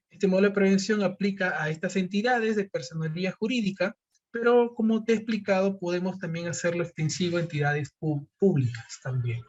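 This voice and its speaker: A man's voice: high-pitched, dull audio. A man giving an online seminar lecture, explaining step by step and posing questions he then answers himself. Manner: explanatory, asks and answers his own questions. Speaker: seminar presenter.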